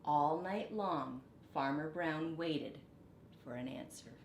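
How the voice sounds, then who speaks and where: A low-voiced woman teacher reads a storybook aloud to children, taking it slowly and narrating in an explanatory way full of questions. The recording has a roomy echo and background noise.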